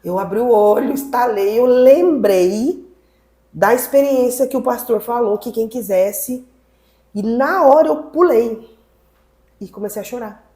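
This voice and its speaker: Woman pastor, lively testimony storytelling, mellow tone, echoey room. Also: a little high, unhurried. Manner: animated storyteller, acts out what people said. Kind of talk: personal testimony in a podcast conversation. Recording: roomy echo.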